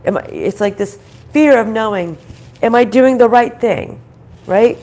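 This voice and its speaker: Groggy, creaky-voiced woman reading cards. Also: fairly high pitch, dark tone, poor audio. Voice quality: groggy, croaky voice. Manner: halting, repeats phrases, asks rhetorical questions. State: throat trouble, voice off. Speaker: spiritual card reader, host. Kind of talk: conversational intuitive card reading to viewers.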